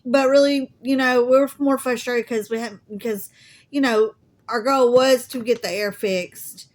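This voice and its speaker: Middle-aged Southern woman vlogger, chatty and folksy, slightly raised pitch, asthmatic cough. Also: steady tone, a little slow. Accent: Southern US (Alabama). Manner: chatty, folksy, says y'all often. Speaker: crafting vlogger. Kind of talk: casual chat to viewers.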